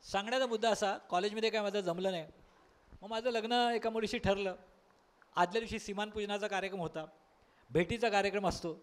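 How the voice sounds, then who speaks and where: A man's voice: high voice, a little fast. A man performing a comic storytelling monologue on stage, breaking into sung verses and little character voices. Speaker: stand-up comedian. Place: live stage at a college workshop.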